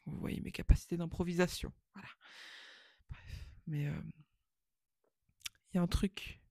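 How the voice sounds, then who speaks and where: A woman's voice: lowish voice, fairly even intonation, unhurried, warm tone, no echo. A woman in her twenties talking to camera in a casual, rambling and self-mocking monologue that slips in English phrases. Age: 20s. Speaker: vlogger.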